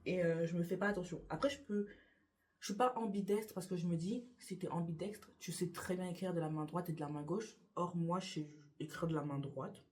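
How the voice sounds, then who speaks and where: A woman's voice: on the low side, fairly quick, darkish tone. A young woman casually answering get-to-know-me questions for her vlog in her bedroom, often hesitating and restarting her sentences. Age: young adult. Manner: hesitant, many fillers and restarts. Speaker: YouTuber. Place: her bedroom beside a window.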